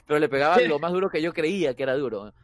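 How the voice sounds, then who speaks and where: A man tells a story among friends in casual chat. His voice sits a little high, and the sound is dry and close. He keeps repeating words to hold the floor and laughs between phrases. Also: lively intonation, a little fast, dry recording.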